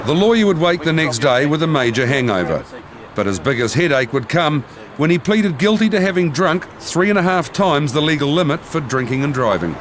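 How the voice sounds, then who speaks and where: A man's voice: fairly high pitch, very animated, a little fast, crowd noise. A man reading scripted documentary narration. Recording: clear location noise under narration.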